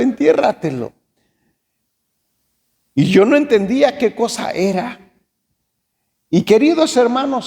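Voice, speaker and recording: A man preaches his own testimony in a high voice. He swings between loud, emotional passages and hushed ones. The voice trails off in a long hall reverb. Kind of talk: sermon testimony.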